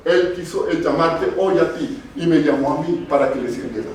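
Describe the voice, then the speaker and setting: A man's voice: fairly high pitch, moderate pace, darkish tone. A male pastor preaching a sermon, putting questions to the congregation and repeating key phrases for emphasis. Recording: echoey church from far off.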